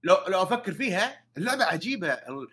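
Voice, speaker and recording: A man, a guest on a casual podcast, giving animated short replies. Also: sits high, fast talker.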